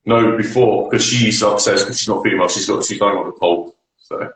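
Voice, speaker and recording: Low-voiced man in an echoey room. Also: fairly even intonation, moderate pace, fairly bright tone. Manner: loose, repeating "like" often. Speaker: guest on a live stream. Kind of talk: casual live-stream chat.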